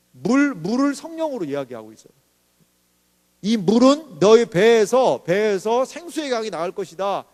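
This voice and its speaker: A man's voice: high voice, big-room sound. A male pastor preaching a sermon in a chatty way, often asking the congregation questions.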